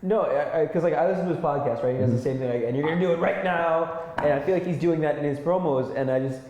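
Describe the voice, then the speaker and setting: A man's voice: a little high, quick pace, dull audio, background noise. A man co-hosting a podcast, chatting in a laid-back way. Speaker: podcast co-host. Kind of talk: casual chat. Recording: very echoey room.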